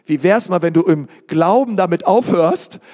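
A male pastor preaching an emphatic sermon, speaking straight to the congregation and rising to shouts. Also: high-pitched, expressive, normal speed.

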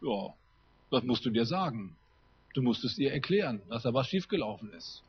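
A preacher quoting a calm, dry evangelist. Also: male voice, on the high side, brisk, slight background noise, natural voice. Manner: dry and earnest. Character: calm tired male evangelist. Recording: muffled lo-fi sound.

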